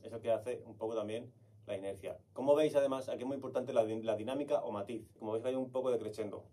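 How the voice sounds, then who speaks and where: A man's voice: mid-range voice, fast, warm tone, distant mic. A man teaching flamenco hand-clapping in an online lesson, explaining the rhythm and counting the beats aloud.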